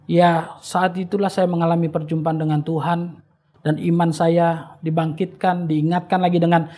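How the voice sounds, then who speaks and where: A man with a fairly high voice tells his story as a pastor and interview guest. He speaks earnestly, now and then quoting his own prayers word for word. His tone is that of a personal testimony. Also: flat delivery, moderate pace, darkish tone.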